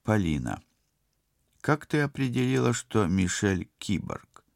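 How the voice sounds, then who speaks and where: A man's voice: deep voice, unhurried, gravelly, dry recording, studio quality. A man voicing a cautious cyborg navigator. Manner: careful, hesitant.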